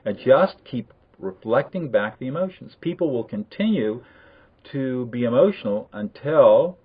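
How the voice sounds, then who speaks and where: A man explaining conflict de-escalation in a measured conversational way, with emphatic bursts. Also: medium pitch, lively intonation, slightly rough. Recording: tinny phone-like line.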